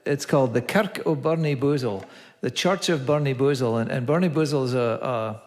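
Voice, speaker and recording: A man's voice: medium pitch, moderate pace. Scottish man chatting in a reverberant space. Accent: Scottish, softened by years in America. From Aberdeen, Scotland. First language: Scots. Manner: chatty storyteller, explains dialect words. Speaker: singer introducing songs at a concert. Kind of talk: casual spoken introduction between songs. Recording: long hall-like reverb.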